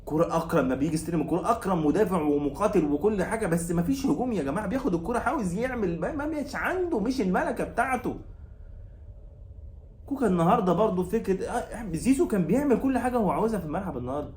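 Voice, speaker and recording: Fast-talking, scolding Egyptian man. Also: high-pitched, lively intonation, a little mellow, echoey room. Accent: Egyptian Arabic. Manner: heated, scolding, repetitive and sarcastic. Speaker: football commentator and channel host. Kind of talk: angry fan rant about a match.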